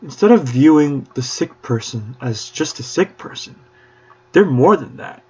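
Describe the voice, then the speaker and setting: A man's voice: on the high side, animated, measured pace, mellow, slightly rough. A young man hosting a podcast in a mock-courtly style, grandiose and theatrical with playful old-fashioned flourishes. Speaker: podcast host. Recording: dull lo-fi recording.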